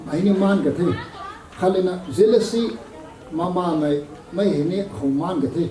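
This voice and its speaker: A man preaching a sermon at a prayer meeting, measured and slow, with English words slipped in. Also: high voice, dark tone, a faint crowd, slight background noise. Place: prayer gathering hall. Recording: echoey hall, voice from a distance.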